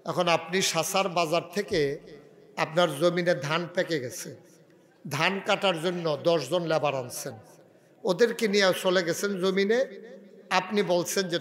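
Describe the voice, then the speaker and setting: High-voiced preacher, dramatic sermon. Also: male voice. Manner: dramatic, swings from hushed to shouting and weeping. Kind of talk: Bangla waz sermon with storytelling.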